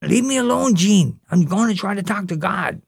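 In a dry, clean studio recording, this reader performs a fiction passage as an earnest little boy, begging and asking questions in prayer while bossing his younger brother. The voice is high and childlike with a pleading edge, yet also gravelly and husky. The reading is expressive and moderately paced.

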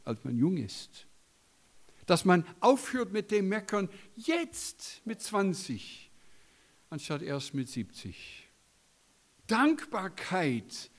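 A man delivers a sermon at an unhurried, deliberate pace. His voice sits somewhat high for a man, and his delivery is emphatic, climbing to loud high peaks and then dropping to quiet, low endings. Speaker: preacher.

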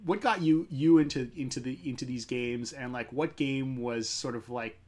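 A man's voice: medium pitch, normal speed, darkish tone. A middle-aged man hosting a casual podcast chat, hesitant, with lots of "uh" and restarts. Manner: hesitant, many fillers and restarts. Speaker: podcast host.

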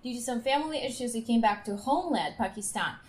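A woman's voice: fairly high pitch, animated, fast. A woman hosting a podcast, reading out her guest's introduction in an upbeat way and laughing often. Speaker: podcast host.

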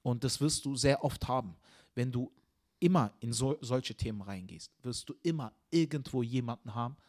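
A young man, a comedian hosting the show, chatting casually and telling a story with animated energy, getting loud when riled. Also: mid-range voice, normal speed. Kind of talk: casual chat.

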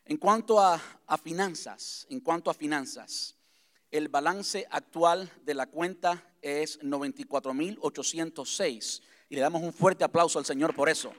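A man speaking as pastor to his congregation in a church, talking conversationally and repeating key points slowly. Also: a little high. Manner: conversational, repeats himself, slows to spell things out. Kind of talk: church vision address to congregation. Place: church sanctuary.

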